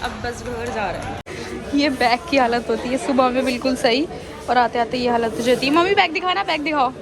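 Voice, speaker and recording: A woman's voice: on the high side, fairly even intonation, moderate pace. A tired woman vlogger filming on her phone on the go, chatty and complaining. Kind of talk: handheld vlog on the go. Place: busy public places and metro station. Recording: loud crowd and street noise.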